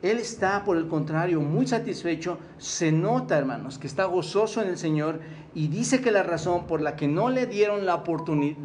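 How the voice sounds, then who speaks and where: A man's voice: sits high, expressive, moderate pace, darkish tone, a little hiss or hum. A Mexican man preaching a sermon, often asking the congregation questions and repeating key words for emphasis. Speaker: pastor.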